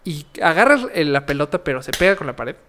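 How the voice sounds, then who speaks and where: A man with a Mexican accent, telling a story to friends in an animated, slangy way and laughing often. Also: on the high side, quick pace, a loud crowd. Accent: Mexican Spanish. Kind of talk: casual storytelling among friends.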